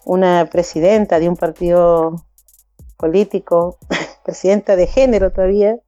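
Woman around fifty, passionate, mellow tone, dry sound, interview guest. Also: on the low side, fairly even intonation, normal speed, dry recording, dull audio, faint music behind. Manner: passionate, acts out others' voices with laughter. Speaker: migrant community organizer, guest. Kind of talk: animated interview talk.

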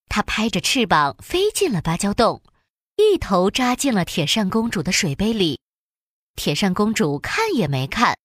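A woman narrating a children's storybook in an expressive, sing-song storytelling way. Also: fairly high pitch, husky, no room sound, studio quality.

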